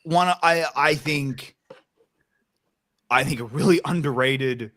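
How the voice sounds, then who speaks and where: A man with a bright, clear-edged voice chats loosely about football on a podcast. He hedges, restarts and fills with "like" and "um" as he works through his points. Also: mid-range voice, slow. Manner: hesitant, many fillers and restarts. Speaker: podcast co-host. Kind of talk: casual sports chat.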